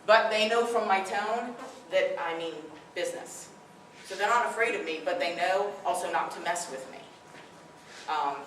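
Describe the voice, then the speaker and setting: Her voice medium in pitch and a bit bright, a middle-aged woman with strong vocal presence talks firmly and directly, yet conversationally, to people at a parenting workshop. The echoey room holds a live audience, and the distant recording carries slight background noise.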